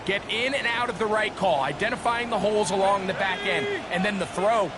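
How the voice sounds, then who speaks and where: A man's voice: high voice, brisk, very noisy, natural voice. A man giving conversational, emphatic analysis as a football color commentator.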